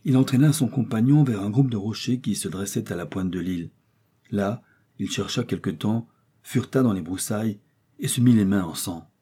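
A man reading a classic adventure novel aloud as audiobook narrator, in measured storytelling. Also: on the low side, mellow, slightly rough. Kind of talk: scripted narration.

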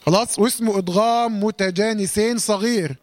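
A man with an Egyptian accent teaching a Quran recitation lesson. He asks questions and answers them himself, and draws out recited words slowly. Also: high-pitched, no echo. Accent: Egyptian Arabic. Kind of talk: classroom tajweed lesson.

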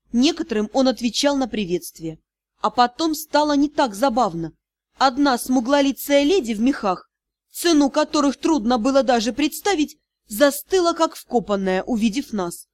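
A woman narrating an audiobook in the first person with a steady, expressive reading. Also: high voice, no room sound.

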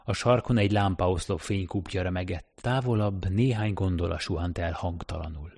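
A man narrating an audiobook, reading in an even, steady manner. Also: low voice, gravelly, dry recording, studio quality. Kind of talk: scripted narration.

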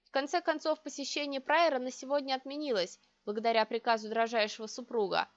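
A woman narrating a first-person audiobook in a measured, reflective way, recorded a little dull. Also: sits high, steady tone.

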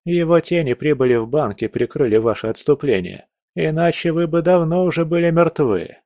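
A man voicing a calm, stone-faced young man who speaks in a measured, slightly mocking way. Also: on the high side, no echo, voice pushed up.

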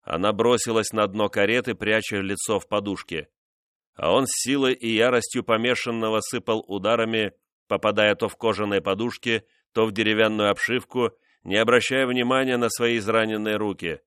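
A man narrating a historical novel in a steady, dramatic reading. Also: on the low side, brisk, clean tone, no room sound, clean studio sound. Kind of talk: scripted audiobook narration.

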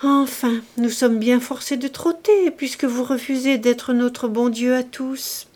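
A woman's voice: sits high, fairly even intonation, measured pace, a little mellow, pitched above the performer's own voice. A woman voicing a plump, complaining middle-aged lady who reproaches an old friend in a plaintive, wheedling tone.

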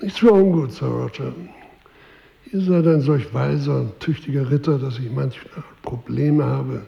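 A man playing a calm, principled king in a radio play, speaking in a measured, stately way with a gravelly voice. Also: medium pitch, lo-fi sound. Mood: musing. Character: calm, principled King Arthur, courtly and firm.

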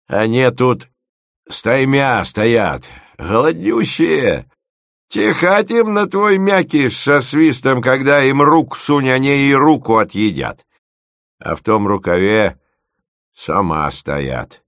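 A man voicing a crafty, boastful old village fisherman who drawls in a slow, folksy way. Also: medium pitch, very animated, fairly bright tone, no echo, clean studio sound, voice pushed up, full character voice. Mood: drawling, folksy.

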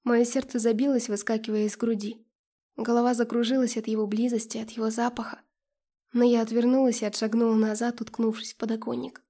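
A woman reading a first-person romance audiobook, expressive in the dialogue. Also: on the high side, a little fast. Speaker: audiobook narrator.

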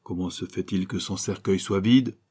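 A man voicing a scheming young adventuress who speaks smoothly and turns menacing. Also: low-pitched, fairly even intonation, moderate pace, dark tone. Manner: smooth, then harsh and threatening.

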